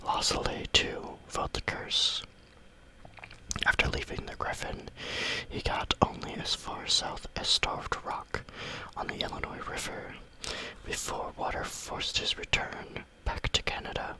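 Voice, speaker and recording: A man reading spooky stories aloud as ASMR in a breathy, unvoiced whisper, with deliberate phrasing. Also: low-quality recording.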